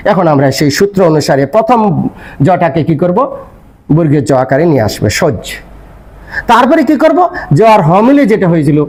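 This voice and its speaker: High-voiced man teaching grammar. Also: sing-song, a little fast, pauses often, a little mellow, rough recording. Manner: asks and answers his own questions. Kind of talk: explanatory lecture.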